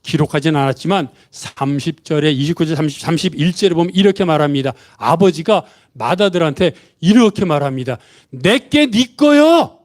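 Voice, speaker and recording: Male pastor, high-pitched, lively sermon, voices the characters he quotes. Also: a little fast, few pauses. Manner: asks the congregation questions and has them repeat after him; acts out the father's and son's words in quotes. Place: church.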